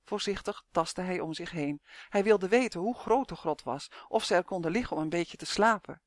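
Male audiobook narrator, high voice, lively, dry close recording. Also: moderate pace, no echo. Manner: lively, expressive storytelling. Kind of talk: scripted narration of a children's fantasy audiobook.

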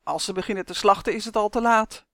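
A woman's voice: mid-range voice, quick pace, a bit bright, no room sound, studio quality, lightly acted. A woman voicing a young boy turned into a turtle, worried and pleading, in a storybook reading. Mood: alarmed.

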